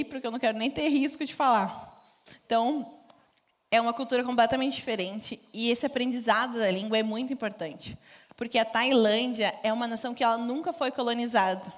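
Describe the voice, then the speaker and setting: A woman giving a conversational church mission talk, informal and laughing often. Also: fairly high pitch. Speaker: missionary speaker. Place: church stage.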